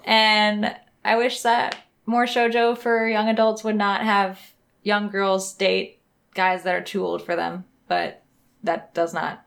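A young woman co-hosting a casual podcast chat, animated and giggly, with lots of "like" fillers. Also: medium pitch, slow, creaky. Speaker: podcast co-host. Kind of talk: casual chat reviewing manga.

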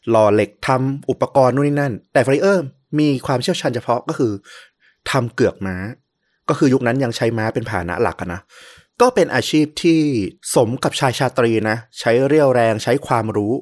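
A man co-hosting a podcast, telling a historical story in a relaxed, chatty way with many fillers. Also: medium pitch, a little fast, no echo, studio quality.

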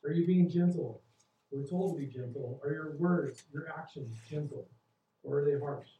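A man's voice: a little high, normal speed. A man preaching a sermon as pastor, earnest and questioning the congregation, building in intensity. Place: church hall. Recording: roomy, distant, dull church recording.

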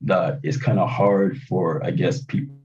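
A man in his late twenties from Barbados, a hip hop producer, guests on a casual interview, speaking hesitantly with lots of fillers and restarts. His low voice keeps a steady, darkish tone at a slightly slow pace, and the call recording sounds dull, distant and lo-fi.

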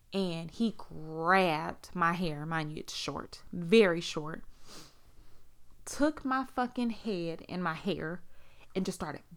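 Her voice sits on the low side, with vocal fry and a fairly bright tone, as she shares a personal story. The telling is blunt and casual, packed with swearing and fillers, and she performs other people's lines in raised voices.

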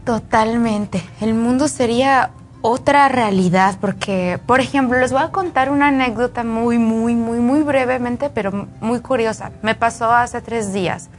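A woman talking on a radio health program, telling stories in an animated way. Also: fairly high pitch, a little slow, soft background music. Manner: animated storyteller.

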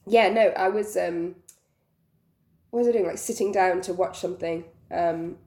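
A woman hosting a casual podcast, her voice croaky and creaky from being ill. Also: lowish voice, moderate pace, warm tone. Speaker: podcast host. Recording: roomy echo.

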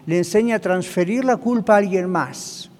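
Man, pastor, high voice, emphatic sermon, congregation check-ins, long church-hall reverb. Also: moderate pace, a little mellow. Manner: emphatic, repeats tag questions like "ok?" and "see?". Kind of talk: interactive sermon with congregation questions.

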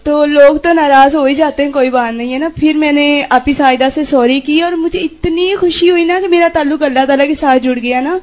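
A woman's voice: high voice, hardly any pauses, darkish tone. A woman student telling her class a personal story in a chatty, rambling way. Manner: chatty, tag-filled storytelling.

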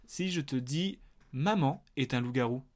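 A man's voice: medium pitch, normal speed. A man co-hosting a podcast in casual chat, playfully teasing as he runs a quiz. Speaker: podcast co-host.

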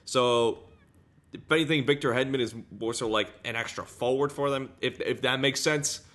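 A man giving unscripted hockey game analysis as a podcast host, halting and repeating himself as he searches for words. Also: medium pitch, fairly bright tone.

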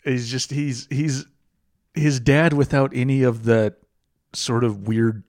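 A man's voice: medium pitch, fairly even intonation, takes it slowly, a little mellow, dry recording. Blunt, profane man ranting, dry sound. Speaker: podcast co-host. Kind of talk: casual chat.

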